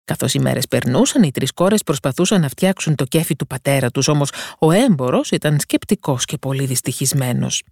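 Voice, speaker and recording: A woman storyteller giving a scripted fairy-tale narration in a calm, measured way. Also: a bass voice, dry recording, clean studio sound.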